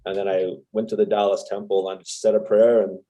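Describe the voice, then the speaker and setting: A young man from El Salvador, a podcast guest, tells his story in casual chat, rambling and full of fillers. His voice is on the low side and mellow, with a level tone, and he talks fast.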